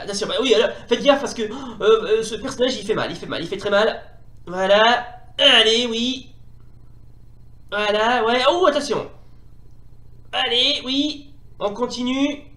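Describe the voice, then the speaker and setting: A man commentating excitably as he plays a retro fighting game, often exclaiming and repeating himself. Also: very high-pitched, normal speed, pauses often, roomy sound. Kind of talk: playing while commentating.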